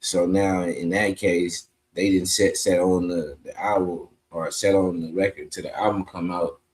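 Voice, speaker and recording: A man co-hosting a casual chat, explaining things in a relaxed, drawn-out way. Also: sits low, husky. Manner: laid-back, explains at length.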